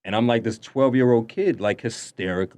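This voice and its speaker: A man's voice: medium pitch, normal speed, darkish tone. A young man co-hosting a casual podcast chat, telling stories with lots of restarts and laughter. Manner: rambling storyteller, stammers and restarts, laughs often. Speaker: podcast co-host.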